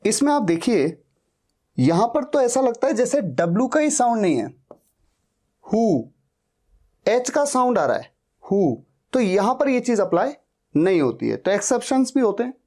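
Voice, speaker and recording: A man's voice: sits high, sing-song, normal speed, long pauses, mellow. A man teaching an English pronunciation lesson, patiently spelling out words and repeating them. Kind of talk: slow spoken-English lesson.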